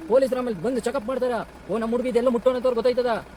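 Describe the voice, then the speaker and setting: A man acting a bumbling, greedy yet soft-hearted kidnapper in a comic skit, talking in a rambling, rustic way outdoors. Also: very high voice, steady tone, rapid-fire. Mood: scheming. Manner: rambling, chatty, rustic talk. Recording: street noise with idling engine.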